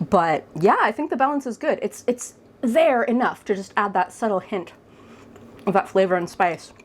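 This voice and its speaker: Chatty woman tasting food on camera. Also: mid-range voice. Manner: chatty, enthusiastic, talks while chewing. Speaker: food vlogger. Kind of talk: casual on-camera taste test.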